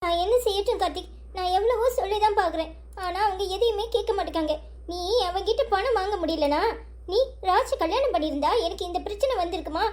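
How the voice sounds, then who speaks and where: A woman's voice: very high voice, fast talker, darkish tone. A woman voicing a young wife who pleads and apologizes to her husband in a cartoon story. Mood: pleading.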